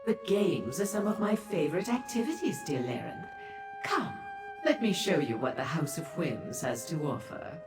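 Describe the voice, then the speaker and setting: An actress playing a flirtatious, theatrical madam of a pleasure house in a fantasy video game, gushing coyly with drawn-out endearments. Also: female voice, sits low, big pitch swings. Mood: teasing, delighted. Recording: roomy echo with music behind.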